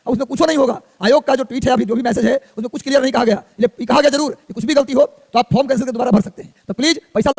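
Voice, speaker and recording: A man's voice: extremely high pitch, vocal fry, darkish tone, in a large hall. A man teaching an exam coaching class, drilling facts by repeating them in a sing-song list. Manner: rapid, repetitive drilling, sing-song listing. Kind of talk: energetic classroom lecture.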